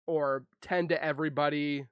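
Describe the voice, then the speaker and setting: Slightly high, dry-voiced man venting. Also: steady tone, a bit bright, clean tone, dry recording. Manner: halting, frustrated, with frequent restarts; holding back tears. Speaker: YouTuber. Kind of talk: emotional venting to viewers.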